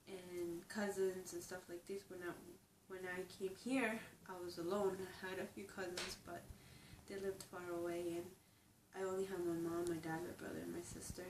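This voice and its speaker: A young woman in her twenties from Ecuador, a native Spanish speaker, giving a reflective, halting personal interview with frequent restarts. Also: on the low side, a little hiss or hum. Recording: roomy echo, distant mic, faint ambience.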